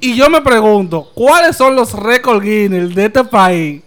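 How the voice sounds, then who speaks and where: A man's voice: sits high, animated, unhurried. A man with a Dominican accent hosting an open-air podcast in casual chat. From Dominican Republic. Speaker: podcast host.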